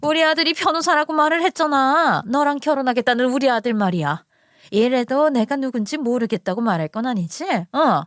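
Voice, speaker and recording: A haughty middle-aged mother-in-law sneers and scolds in a story, as a woman reader puts her on. Her voice sits a little high and is recorded dry and close. She talks down to everyone with open contempt. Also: a little fast, fairly bright tone, dry recording. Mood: contemptuous. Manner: scornful, insulting, bossy.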